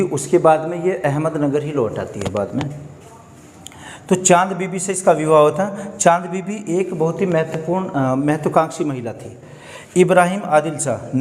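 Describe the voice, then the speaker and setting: A man's voice: fairly high pitch, a little mellow, reverberant, in a large hall. A man teaching a history lesson for exam preparation, who keeps asking questions and answering them himself. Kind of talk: exam-prep lecture. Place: coaching classroom.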